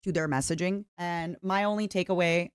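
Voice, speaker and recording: A woman streamer who just woke up, speaking in a subdued, somewhat monotone way and choosing her words carefully, a little nervous. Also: on the low side, normal speed, clean tone, no echo, clean studio sound. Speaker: VTuber streamer. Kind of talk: livestream statement to viewers.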